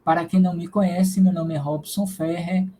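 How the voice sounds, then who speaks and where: A man from Salvador, Bahia, giving a spiritist lecture and leading a prayer in a slow, solemn, measured way. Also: fairly high pitch, flat delivery, dark tone, a little hiss or hum, low-quality recording. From Salvador, Bahia, Brazil. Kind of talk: devotional lecture and prayer in a live stream.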